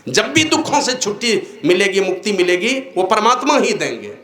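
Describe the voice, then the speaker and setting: An older man, a spiritual teacher, gives a devotional discourse, swinging between raised exhortation and low, slow asides. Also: sing-song, fairly bright tone, roomy sound.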